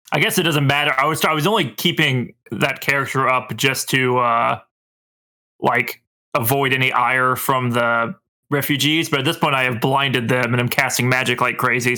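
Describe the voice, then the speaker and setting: A man's voice: medium pitch, steady tone, normal speed, pushed and bright. A man chatting casually as a player in a tabletop game.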